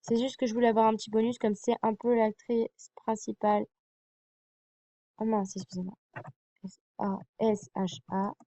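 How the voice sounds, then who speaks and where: A woman's voice: a little high, flat delivery, normal speed, long pauses, dark tone, no echo. A young woman presenting a TV series to her viewers in a casual fan vlog, hesitant and full of fillers and apologies. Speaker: fan vlogger.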